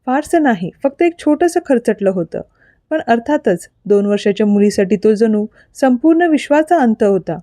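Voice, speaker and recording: A woman narrates a dramatic story with expressive storytelling. Her voice is fairly high and warm. The sound is close and dry. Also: normal speed, no room sound. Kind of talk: scripted narration of an audio story.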